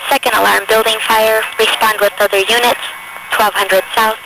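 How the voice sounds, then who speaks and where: A woman's voice: fairly high pitch, little pitch movement, normal speed, vocal fry. A woman dispatching fire units over a two-way radio in a clipped, procedural way, reading out units and addresses. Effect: two-way radio transmission. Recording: noisy emergency radio channel.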